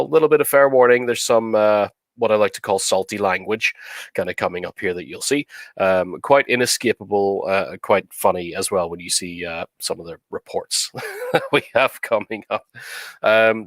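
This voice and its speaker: Dry recording of a middle-aged livestream host with a lowish voice who has a cold. He keeps things relaxed and chatty, leaning on plenty of fillers.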